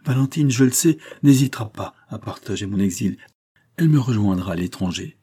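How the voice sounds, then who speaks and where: A man playing a hot-blooded young nobleman, pleading and vehement, in a voice lifted above the reader's low tone. It keeps a breathy, mellow grain. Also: animated, a little fast. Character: young male nobleman, passionate, stubborn lover.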